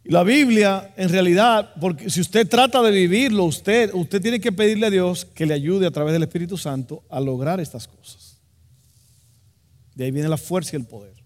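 A man preaching a lively sermon as pastor, acting out voices and joking with the congregation. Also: high-pitched, moderate pace, big-room sound.

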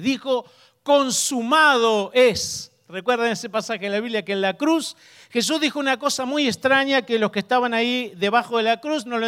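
A man preaching a sermon, asking the congregation questions and slowing down to stress key words. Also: very high voice, fairly bright tone, in a large hall. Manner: asks the congregation questions, emphatic slow stresses.

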